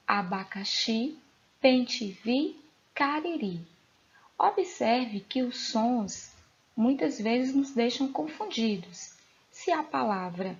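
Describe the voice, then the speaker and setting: Slow, gravelly-voiced Brazilian woman teacher. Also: on the high side, darkish tone, muffled recording. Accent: Brazilian Portuguese. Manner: slow, emphatic, repeats rules and asks questions to the pupils. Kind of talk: recorded classroom lesson for children.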